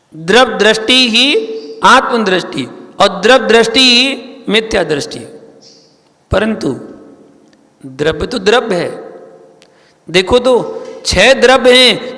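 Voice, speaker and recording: A man, a Jain monk, giving a sermon, teaching slowly with repeated phrases and questions to his listeners. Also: high-pitched, creaky, pushed and bright, in a large hall. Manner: slow, repetitive teaching with questions to the audience.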